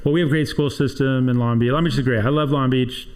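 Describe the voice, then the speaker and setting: A man's voice: medium pitch, steady tone, quick pace, a little mellow, smooth. A man hosting a podcast interview for a trade association, talking in a chatty, rambling way with many restarts. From Southern California. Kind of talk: casual interview chat.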